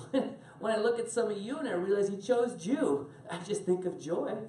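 A man preaching from the pulpit, his pitch climbing and dropping all over as he jokes and laughs through his stories. He sits some way back from the mic, and a roomy church echo and faint hiss hang around his voice. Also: moderate pace. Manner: animated, laughing storyteller addressing congregation by name. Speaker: pastor. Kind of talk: sermon. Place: church sanctuary. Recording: echoey room from far off.

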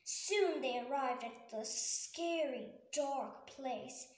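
A woman's voice: sits high, very slow. A woman reading a children's story aloud, enthusiastic, adding her own asides. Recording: echoey room.

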